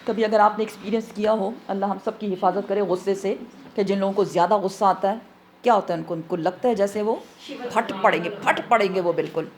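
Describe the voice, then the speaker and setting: A woman's voice: mid-range voice, fairly even intonation, darkish tone. A woman explaining Quran verses in a lesson, asking questions and answering them herself, with English words mixed into her speech. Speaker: Quran teacher.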